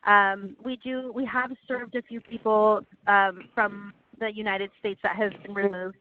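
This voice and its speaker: A woman presenting slides in a webinar over a phone line, earnest and halting with frequent restarts. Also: mid-range voice, little pitch movement. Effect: heard over a phone line. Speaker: webinar presenter for a legal aid project. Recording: tinny, dry phone line.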